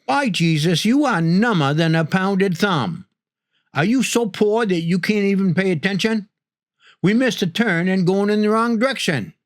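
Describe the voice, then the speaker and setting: A man's voice: high voice, expressive, moderate pace, no room sound, clean studio sound, pitched above the performer's own voice. A man putting on a folksy rural Yankee local with a Maine and New Hampshire accent, drawling and slangy as he demonstrates how people talk up there. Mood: scolding.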